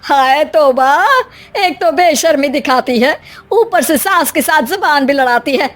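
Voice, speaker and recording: A woman's voice: sits high, measured pace. A woman voicing a scandalised, traditional middle-aged mother-in-law in a cartoon story, scolding and exclaiming.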